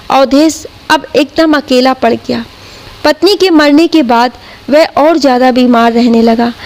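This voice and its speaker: A woman narrating an emotional family story in a steady, dramatic storytelling manner. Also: sits high.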